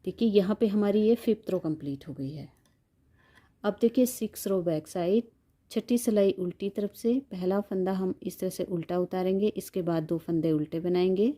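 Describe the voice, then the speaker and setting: A woman's voice: mid-range voice, moderate pace, dark tone. A woman giving a step-by-step knitting tutorial, patiently counting stitches aloud and repeating each instruction.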